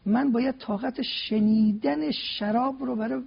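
A man with a high, gravelly voice and a very husky edge delivers a preaching talk on a TV program. He is emphatic and builds his case step by step, asking rhetorical questions. The sound is dull and lo-fi, like an old broadcast. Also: steady tone. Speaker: religious guest speaker.

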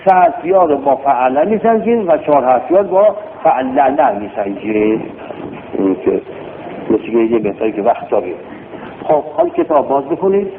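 A man's voice: mid-range voice, sing-song, noisy background. Man teaching grammar over a tinny line. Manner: drills words and quizzes the class. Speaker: religious studies teacher. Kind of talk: classroom Arabic grammar lesson. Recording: tinny phone-like lo-fi recording.

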